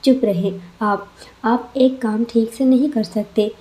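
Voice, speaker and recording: A woman's voice: fairly high pitch, fairly even intonation, takes it slowly, dark tone. A woman voicing a sulky, demanding young wife in a read-aloud story, scolding petulantly. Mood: angry.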